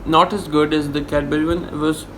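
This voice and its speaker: A man giving a casual, halting food-tasting chat, chewing and eating between and during short phrases. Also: a little high, flat delivery, a bit bright, a little hiss or hum, poor audio. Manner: chewing and eating while talking; slow, halting short phrases with long pauses. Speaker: mukbang vlogger.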